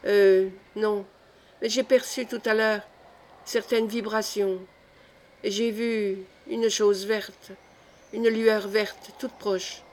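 A woman's voice: medium pitch, little pitch movement, slow, a little mellow, slight background noise, natural voice. A woman reading the lines of a frightened male polar geologist in an audiobook, murmuring anxiously. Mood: uneasy. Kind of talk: audiobook character voice.

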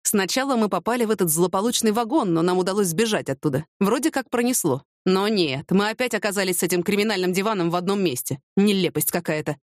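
A woman's voice: medium pitch, quick pace, few pauses, no echo, studio quality, close to an everyday voice. A woman reading an audiobook, voicing an injured, weary male police major who complains in an exasperated way. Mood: pleading.

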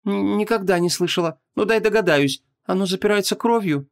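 A man reading an audiobook, voicing a brash, impatient young woman apprentice mage with a raised pitch. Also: brisk, gravelly.

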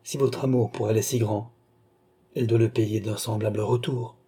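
A grave, composed doctor speaks in calm, measured, gentle tones, as a male audiobook reader puts him on. The voice is mellow and a little husky. It sounds like a storybook reading. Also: fairly low pitch.

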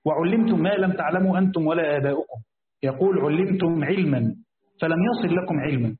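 Egyptian man, sheikh, brisk text reading, casual asides, echoey room, tinny phone-like sound, faint hiss. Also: fairly high pitch. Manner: switches between formal reading and casual asides, thinking aloud. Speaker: sheikh reading and explaining a Quran commentary. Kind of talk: classical text reading with colloquial explanation.

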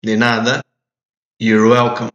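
A man teaching English in a recorded audio lesson, repeating phrases slowly and clearly for learners to translate. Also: medium pitch, monotone, a bit bright. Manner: slow, deliberate drilling with repeated phrases. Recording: echoey, dull lo-fi audio.

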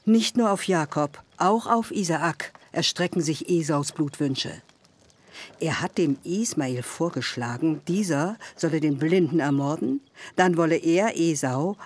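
Formal radio-reading narrator, measured and even, mid-range voice. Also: mid-range voice, slightly rough. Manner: measured, formal storytelling delivery. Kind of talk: scripted literary narration.

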